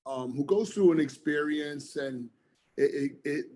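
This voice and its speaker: Speaking a little slowly in a mellow, fairly high voice, this New Jersey man, once a police officer and now an author, chats casually as a podcast guest. He's earnest, rambles somewhat and leans on fillers often.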